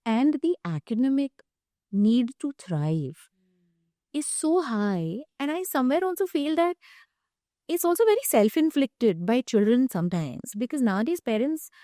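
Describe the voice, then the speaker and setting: A woman's voice: medium pitch, warm tone, no echo, studio quality. A woman with an Indian accent giving explanatory, conversational interview answers as a psychologist, often tagging phrases with "you know". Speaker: guest psychologist.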